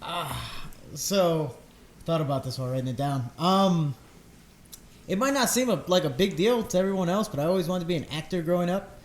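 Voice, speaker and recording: A man's voice: fairly high pitch, expressive, brisk, roomy sound. A young man co-hosting a podcast, laid-back and self-deprecating in casual chat. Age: young adult. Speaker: podcast co-host, fighter.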